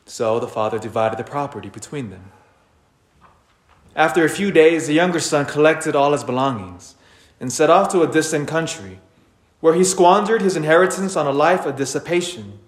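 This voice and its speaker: A priest reading the Gospel at Mass in a measured, unhurried way, heard with a cathedral echo in a large church. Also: male voice, on the high side, animated. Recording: roomy church reverb.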